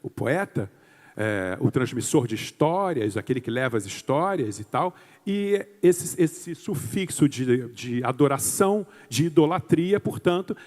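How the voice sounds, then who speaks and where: A man's voice: a little high, a little mellow, in a large hall. A man giving a lecture-style talk to an audience, theatrical and emphatic, explaining terms step by step.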